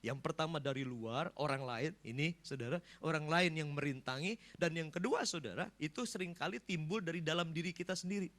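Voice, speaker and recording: A male pastor preaches a sermon in an animated way, breaking into sudden loud bursts and often addressing the congregation. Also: a little high, brisk, few pauses.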